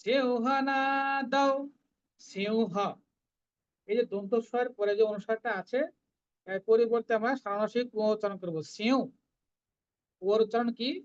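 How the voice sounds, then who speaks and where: A recitation teacher, explaining pronunciation syllable by syllable and chanting the verses in slow, drawn-out tones. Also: mid-range voice, steady tone, darkish tone, dull audio. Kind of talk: online class teaching Sanskrit verse pronunciation.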